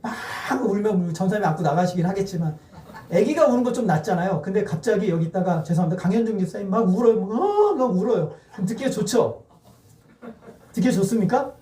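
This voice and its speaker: A male pastor preaching a sermon in a church sanctuary, animated and firing rhetorical questions at the congregation. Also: high-pitched, quick pace. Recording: echoey church hall.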